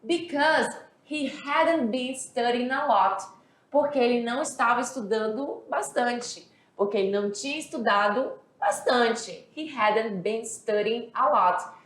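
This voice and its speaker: A woman's voice: fairly high pitch, measured pace, fairly bright tone. A woman English teacher from Brazil, explaining grammar step by step and often checking that the class follows. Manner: explanatory, repeats and checks understanding. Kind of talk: recorded classroom lesson. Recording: echoey room.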